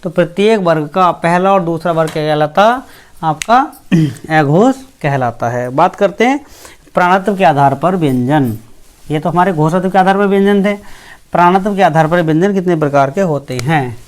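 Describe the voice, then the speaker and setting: A teacher giving a grammar lesson, who asks the class questions, answers them itself, repeats each point and slowly sounds out each letter. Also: mid-range voice. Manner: repeats points and fills with "theek hai".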